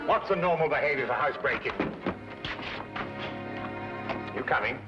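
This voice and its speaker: A man's voice: mid-range voice, animated, rapid-fire, close to an everyday voice. An English actor playing a fussy, easily alarmed male doctor and sidekick, protesting properly in an old-time radio drama. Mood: anxious, protesting. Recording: dull old radio recording, music behind.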